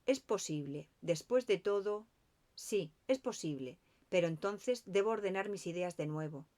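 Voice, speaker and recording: A meticulous Belgian detective who presses his questions with calm precision, read by a woman. The voice sits slightly low and keeps an even, storybook narration feel. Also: a little slow. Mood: earnest.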